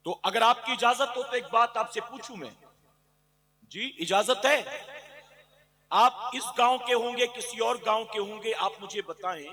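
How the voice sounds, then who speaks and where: Male preacher, high and bright, sermon full of rhetorical questions and rising cries. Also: unhurried, in a large hall. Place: gathering in a village.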